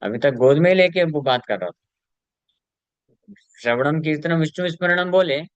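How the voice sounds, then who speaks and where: A man giving a scripture class as a devotional lecturer. He reads verses slowly, chants Sanskrit lines and explains them at length, mixing English terms into his talk. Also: on the high side, no room sound, highs cut off.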